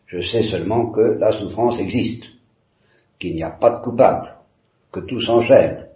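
Reading a novel aloud, a man with a fairly low, natural voice plays a bitter, tormented young man who veers between wry irony and anguished outbursts. The mood is anguished and ironic, and the recording sounds roomy and slightly dull.

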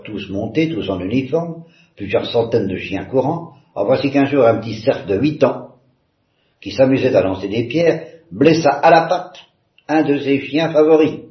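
Guy doing a tormented young intellectual, bitter and ironic, low voice, kinda roomy dull sound. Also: natural voice. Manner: impassioned, swinging from wry irony to anguished outbursts. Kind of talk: dramatic reading of a novel.

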